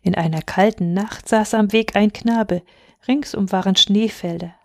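A woman reads a fairy tale aloud with calm, measured storytelling. Her mid-pitched voice has a light gravelly texture. The sound is dry and close. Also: no room sound.

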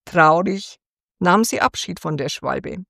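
A woman reading a fairy tale aloud for children in a gentle, expressive storytelling manner. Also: on the low side, slow, creaky, dry recording, clean studio sound.

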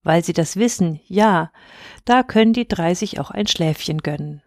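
A woman reading a rhymed Christmas story aloud in a measured, storytelling way. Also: fairly low pitch, lively intonation, a little mellow, dry recording, studio quality. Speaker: reader.

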